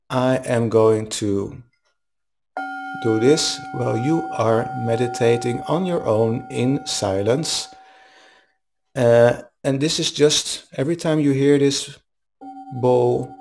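Slow-paced male meditation guide. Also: medium pitch. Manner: slow, calm, soothing, with long pauses. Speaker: meditation teacher leading a live online session.

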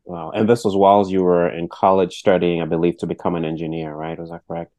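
A man's voice: sits low, flat delivery, fast talker, warm tone, dry recording, dull audio. A man hosting a podcast interview, earnest and reacting often with "wow". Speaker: podcast host.

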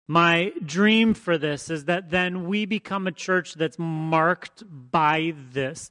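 A man's voice: on the high side, fairly bright tone, no echo. A man preaching a conversational sermon as pastor, emphatic and fond of repeating his phrases.

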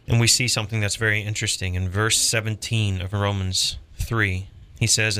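Low, bright-toned man teaching scripture. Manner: measured, teacherly, cites scripture. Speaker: podcast co-host. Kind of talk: preaching-toned discussion.

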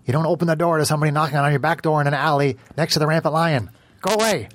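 A man voicing a wary old female dwarf who shouts muffled through a closed door. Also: on the high side, racing, no echo, pitched above the performer's own voice, lightly acted. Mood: hostile.

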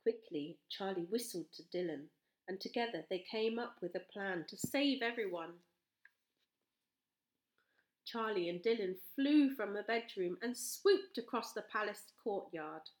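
A woman reading a children's storybook aloud, slowly and with expression. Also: medium pitch. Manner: slow, expressive. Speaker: storybook reader. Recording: roomy echo.

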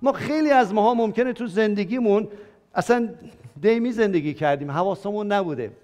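An older man preaching a sermon with a high, smooth and resonant voice. He talks to the congregation like a conversation, asking them questions and teasing them. His voice rings through a church hall with a long reverb. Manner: lively, asks the congregation questions and jokes with them. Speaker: pastor.

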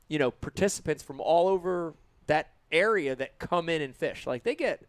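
A man's voice: a little high, expressive, moderate pace, no echo. A man who hosts a fishing show, chatting casually and enthusiastically and repeating himself for emphasis. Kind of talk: casual group chat about fishing.

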